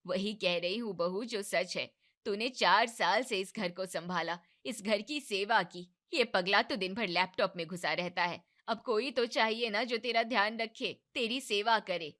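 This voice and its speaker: A woman voicing a bossy, loud mother-in-law. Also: medium pitch, measured pace, close to an everyday voice. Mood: firm. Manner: scolding, loud and commanding. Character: bossy but caring older mother-in-law. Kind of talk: animated Hindi family drama voicing.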